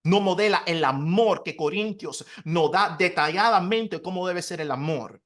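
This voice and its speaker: Earnest soft-spoken pastor, man. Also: sits high, measured pace. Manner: earnest, confessional, soft-spoken with emotional dips. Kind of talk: personal testimony in conversation.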